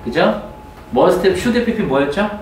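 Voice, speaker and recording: A male teacher giving a grammar lecture to a class, often checking in with quick questions. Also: high voice, lively intonation, a little mellow, a little hiss or hum. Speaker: English teacher. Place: classroom with students. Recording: roomy classroom, mic at a distance.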